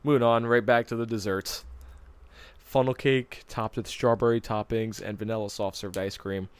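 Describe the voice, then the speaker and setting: A man's voice: lowish voice, steady tone, normal speed, smooth. Upbeat male podcast co-host, chatty and effusive, lots of fillers. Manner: enthusiastic, filler-heavy with lots of "like". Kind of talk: casual podcast chat. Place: studio.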